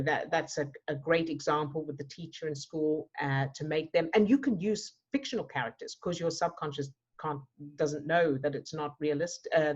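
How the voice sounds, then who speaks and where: This South African mindset coach has a low, slightly mellow voice with a breathy edge. Answering questions in a workshop Q&A, she repeats words while thinking out her explanations, and the lo-fi audio comes across dull.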